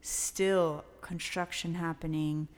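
Woman in her 30s, lowish voice, lively storyteller co-host, reverb tail. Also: takes it slowly. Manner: animated storyteller, frequent likes. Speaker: podcast co-host. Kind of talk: casual chat.

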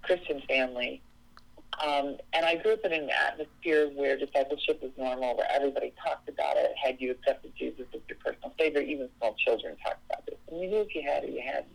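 A woman's voice: very deep voice, quick pace, creaky, rough recording. A woman from Seattle, speaking as an interview guest in an earnest, reflective way. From Seattle, USA. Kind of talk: interview conversation.

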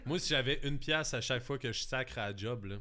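A man's voice: mid-range voice, a little fast, pushed and bright. A man with a Quebec French accent, co-hosting a podcast and teasing his co-host in casual chat, often laughing as he talks. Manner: teasing, laughs while talking.

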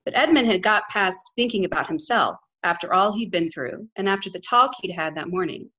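A woman on a podcast reading aloud a short meditation she wrote, in a slow, measured way. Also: lowish voice, expressive, pushed and bright, slightly rough. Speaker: podcast guest panelist. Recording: dull lo-fi audio with faint music.

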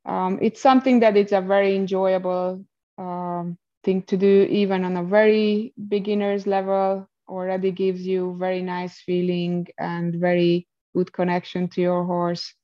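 A woman's voice: fairly low pitch, flat delivery, measured pace, highs cut off. A woman from Hungary with a Hungarian accent, explaining in a conversational interview and searching for words as a non-native speaker. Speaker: interview guest, equestrian rider.

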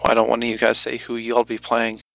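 A man's voice: medium pitch, monotone, a little fast, vocal fry, bright, forceful tone, dry recording, low-quality recording. A man hosting a podcast and narrating a guild story as game master, hesitant and full of ums. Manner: hesitant, lots of ums and uhs.

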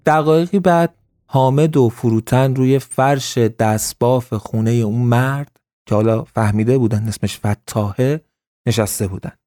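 A man narrating a story in a calm, even storytelling manner. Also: medium pitch, dry recording. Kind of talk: scripted narration.

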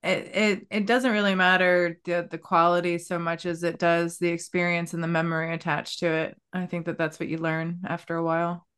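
Smooth-voiced woman podcast host. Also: on the low side, level tone, normal speed, few pauses, a bit bright. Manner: chatty, asks open questions. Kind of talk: casual interview.

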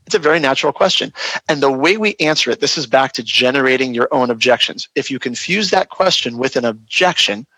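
A man's voice: mid-range voice, animated, fairly quick, bright, forceful tone, no echo, poor audio. A man, a real estate agent, explaining how to handle client objections in an earnest, practical teaching tone during a webinar interview.

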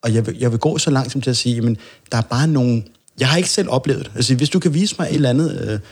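A man's voice: mid-range voice, darkish tone, husky. A man chatting as a podcast guest, telling long rambling anecdotes and acting out the dialogue in them. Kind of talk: casual storytelling chat.

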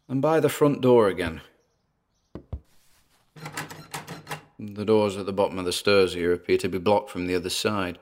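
Recording himself alone, a nervous, driven paranormal investigator in an audio drama talks haltingly to his listeners, uneasy and wary. The actor's low-pitched, gravelly, apprehensive voice is only lightly acted.

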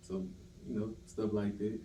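A laid-back male guest talks calmly in easy slang. His tone is warm and dark. The echoey room and the mic set back give a roomy, distant sound. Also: lowish voice, measured pace, a little hiss or hum. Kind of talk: casual interview chat.

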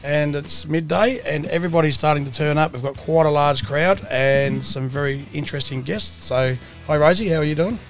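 A man's voice: fairly high pitch, moderate pace, hardly any pauses, faint music behind. A man with a broad Australian accent co-hosting a podcast in casual, matey, colloquial chat. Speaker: podcast host. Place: mobile podcast setup at an outdoor rally.

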